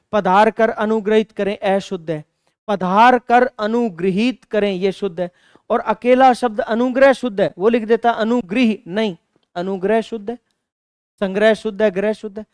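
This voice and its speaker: In an online exam-prep grammar lesson, a male teacher asks questions, answers them himself, and repeats key words for emphasis. His voice sits high yet sounds smooth, resonant, and somewhat dark, recorded dry and close with no room echo.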